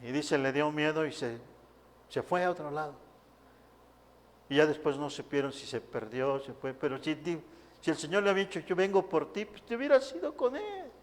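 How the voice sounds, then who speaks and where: A man preaches with emphasis, his voice sitting high for a man. He keeps turning to the congregation and calling out to them. A long reverb from the church hall trails after each phrase. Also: big pitch swings, normal speed. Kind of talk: sermon.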